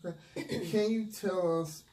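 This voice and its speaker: A man asking informal interview questions in a halting, casual way. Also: high-pitched, steady tone, mellow. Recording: distant mic, faint background noise.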